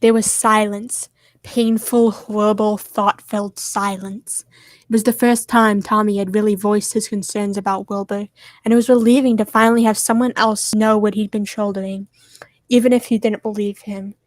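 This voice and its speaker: A woman narrating a fan script aloud on stream in a steady, plain way. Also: medium pitch, moderate pace, dry recording. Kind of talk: casual read-aloud narration.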